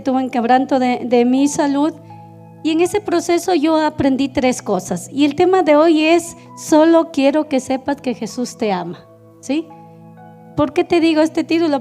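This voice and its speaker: A woman's voice: high voice, warm tone. A woman pastor preaching a sermon, telling a personal testimony with rhetorical questions to her congregation.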